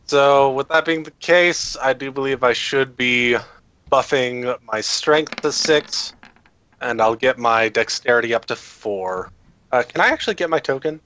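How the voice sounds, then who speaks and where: A man's voice: mid-range voice, a little slow, sharp tone, dull audio. A man playing a tabletop game, chatting casually and thinking aloud in a hesitant way. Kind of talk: casual game-session chat.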